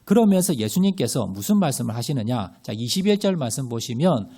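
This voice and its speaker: A man's voice: mid-range voice, sing-song, brisk, dark tone, breathy edge. A male pastor preaching a sermon, firing rhetorical questions at the congregation and leading them in reading scripture aloud. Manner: leads group scripture reading.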